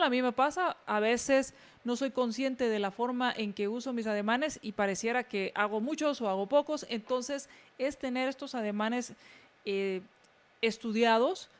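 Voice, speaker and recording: A woman with a fairly high voice talks casually to her listeners about how to give a good presentation. She speaks to them directly, often pausing on fillers and restarting her sentences as she thinks aloud. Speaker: radio show host giving business tips. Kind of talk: casual talk giving public speaking advice.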